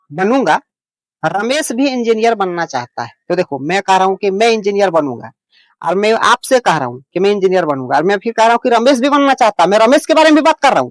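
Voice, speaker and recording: A man's voice: high voice, dry recording. A man teaching English to beginners, patient and homely, repeating each point and reassuring his learners. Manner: plain homely way of explaining. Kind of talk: beginner lesson explained in Hindi.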